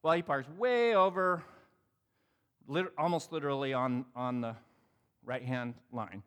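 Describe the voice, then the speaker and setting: A man's voice: mid-range voice, measured pace, clear, resonant tone, in a large hall. A man telling a personal story in a conversational, sermon-like talk, acting out the voices in it. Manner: reflective, conversational, acts out quoted dialogue.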